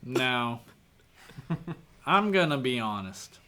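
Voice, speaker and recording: A young man from Kentucky hosts a casual interview, taking his time and laughing often. His voice has a bright edge. He swears casually as he talks. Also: mid-range voice, big pitch swings, drawn-out words. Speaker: podcast host.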